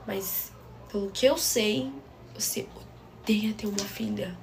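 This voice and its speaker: A woman's voice: medium pitch, unhurried, gravelly, slight background noise. Emotional young woman telling a story. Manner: intense, dramatic, addresses listeners.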